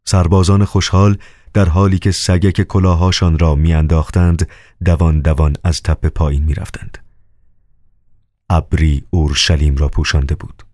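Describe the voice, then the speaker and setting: A man narrating a novel as an audiobook, with a measured, solemn reading. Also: very deep voice, fairly even intonation, a little mellow, dry recording, studio quality.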